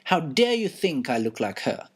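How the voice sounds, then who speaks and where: A woman's voice: sits low, big pitch swings, normal speed. A woman voicing a cheeky, scornful talking cat in a storybook reading, blunt and indignant.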